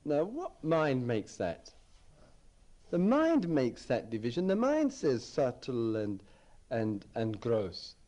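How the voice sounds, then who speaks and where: Reflective male meditation teacher, lively pitch. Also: takes it slowly. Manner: reflective, repeats phrases while searching for words. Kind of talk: dharma talk at a retreat.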